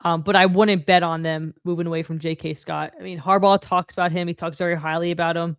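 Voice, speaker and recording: A woman's voice: on the low side, steady tone, quick pace, no echo. Blunt female sports co-host. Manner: blunt, dismissive, stat-driven. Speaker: podcast co-host. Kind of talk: casual sports chat.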